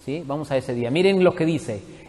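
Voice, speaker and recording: A man's voice: a little high, brisk, mellow, big-room sound. A man from Mexico, teaching a Bible study to his congregation in a conversational way and often asking them questions.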